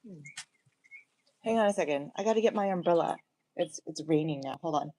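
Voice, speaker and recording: A woman's voice: on the low side, fairly quick, warm tone, no echo, distant mic. A woman hosting a casual live gardening stream outdoors, chatting with viewers and reading their comments while she plants in the rain. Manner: chatty, reads viewer comments aloud, talks while working. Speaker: gardening livestream host. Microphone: phone set up outdoors.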